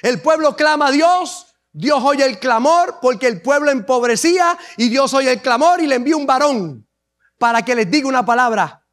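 A Puerto Rican man preaching a sermon as pastor, dramatically acting out scripture scenes with drawn-out emphasis. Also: very high-pitched, expressive, fairly bright tone. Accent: Puerto Rican Spanish. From Puerto Rico.

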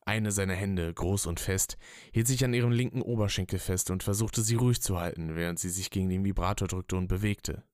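A man narrates a written story with a steady, even reading. His voice is very low and smooth, recorded dry and close with no room sound. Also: brisk, no room sound. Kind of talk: scripted narration.

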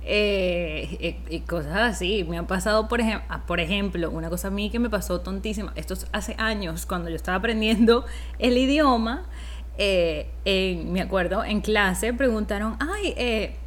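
A woman co-hosting a casual podcast chat, telling stories with lots of laughter and slipping English words into her Spanish. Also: mid-range voice. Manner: animated storyteller, laughs often, mixes in English words. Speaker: podcast co-host.

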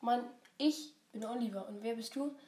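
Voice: mid-range voice, moderate pace, a little mellow. A female co-host of a laughing challenge, chatting casually in a slangy, giggly, teasing way. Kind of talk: casual joking reaction chat. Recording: noisy echoey room.

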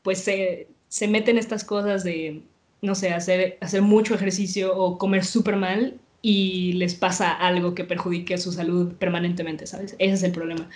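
A woman's voice: on the low side, level tone, normal speed, darkish tone. Slangy young Mexican woman, chatty. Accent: Mexican Spanish. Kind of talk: casual chat.

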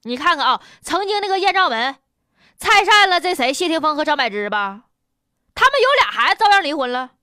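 A woman's voice: high voice, very animated, fairly quick, sharp tone, no room sound, studio quality. A woman with a Northeastern Chinese accent hosting a colloquial comic commentary show in a chatty, sardonic, folksy manner. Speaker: radio show host.

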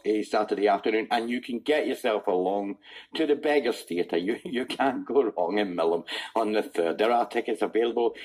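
Husky Scottish radio host. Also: male voice, on the low side. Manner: jokey, chatty, warm sign-offs. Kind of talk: casual radio chat.

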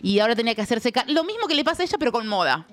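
A woman with an Argentine Rioplatense accent co-hosting a casual radio chat, animated, laughing a lot and swearing casually. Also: fairly high pitch, very fast, faint music behind. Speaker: radio co-host. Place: radio studio.

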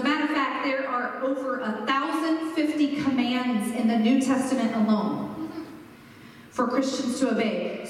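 A fairly high-voiced woman in her forties preaches in a relaxed, conversational way and tells stories with emphatic repeats. Her voice rings out through a large, echoey church hall. She is heard from some way off the mic. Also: distant mic, a little hiss or hum. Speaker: pastor. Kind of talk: sermon introduction. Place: church sanctuary.

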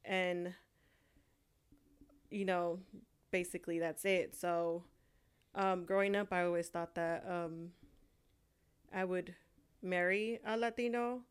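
Young woman, lowish smooth voice, casual and halting, lots of ums. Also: steady tone. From Honduras. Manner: hesitant, many fillers. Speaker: co-host. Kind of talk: casual chat.

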